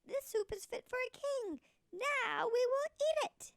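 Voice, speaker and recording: Woman as a crafty young storybook wanderer, hungry, coaxing, lively swooping intonation, creaky. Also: high-pitched, moderate pace, dry recording, studio quality, full character voice. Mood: eager.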